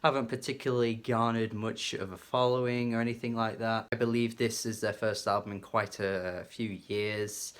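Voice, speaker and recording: A man's voice: fairly low pitch, flat delivery, moderate pace, few pauses, fairly bright tone, clear, resonant tone. A man casually reviewing a rock album, enthusiastic and chatty, with fillers and some swearing. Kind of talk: casual music review monologue.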